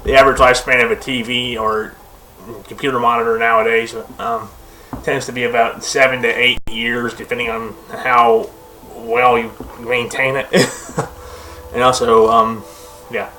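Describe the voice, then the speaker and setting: A man's voice: medium pitch, level tone, a little slow, bright, forceful tone, faint music behind, rough recording. A young man talking casually at his computer, rambling with lots of fillers, restarts and tangents. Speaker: video host.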